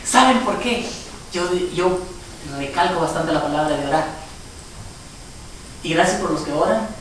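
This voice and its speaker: A woman's voice: on the low side, lively intonation, measured pace, a little hiss or hum. A woman preaching a sermon, emphatic and rising into fervent exhortations. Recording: echoey hall from far off with congregation. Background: congregation responding.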